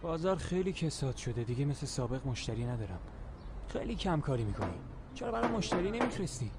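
A grumbling dealer. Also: male voice, a little high, big pitch swings, over loud music. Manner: grumbling, insistent. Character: complaining street dealer, frustrated man. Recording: city street noise behind.

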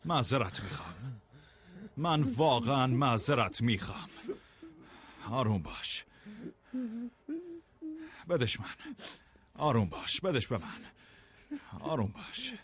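A man dubbing a rancher who holds his family together, shouting at times and soothing at others. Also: mid-range voice, sing-song, long pauses. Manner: shouting in search, then softly soothing. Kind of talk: film dubbing.

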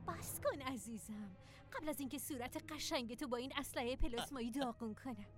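A woman's voice: sits high, soft background music, natural voice. A woman playing a sly cartoon thief. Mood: scheming. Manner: cool, mocking. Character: scheming sly female thief, young adult. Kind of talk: cartoon dub.

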